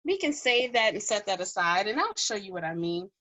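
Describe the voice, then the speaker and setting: Her pitch sits in the middle, and her delivery is sing-song, brisk and sharp. As host of a kids' cooking school, she walks children through a demonstration one step at a time, repeating the important phrases in an encouraging, instructive way.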